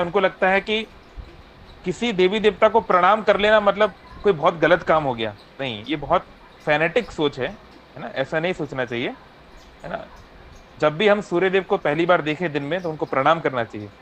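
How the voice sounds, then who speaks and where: A man's voice: high-pitched, moderate pace, fairly bright tone, slight background noise, low-quality recording. A man teaching an online devotional class from his phone, explaining patiently and checking in with listeners, mixing English phrases in. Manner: explanatory, asks "है ना?" often, mixes English phrases.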